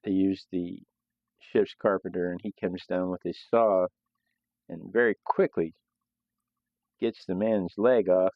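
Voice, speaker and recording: Man, gravelly voice, dry close sound, dull lo-fi audio, casual live-stream chat, rambling with restarts. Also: low-pitched, fairly even intonation, measured pace, long pauses, no room sound. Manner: loose, rambling delivery with frequent restarts. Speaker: host of a live sketching stream. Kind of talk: casual live-stream talk while drawing.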